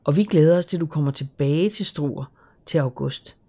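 A kind, encouraging aunt who looks after her niece, as the narrator reads her. She speaks gently, with a creaky, gravelly texture in the voice. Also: low-pitched. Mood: warm. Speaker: audiobook character.

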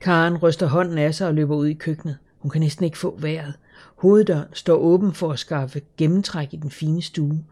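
A woman calmly narrating a children's story in a measured, scripted reading. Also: sits low. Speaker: audiobook narrator.

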